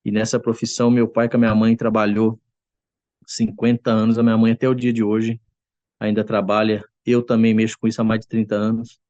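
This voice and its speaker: A man's voice: lowish voice, monotone, a little fast, darkish tone, dry recording, lo-fi sound. A man giving a testimony to a church congregation, telling an earnest story and often addressing his listeners as brothers. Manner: acts out quoted voices.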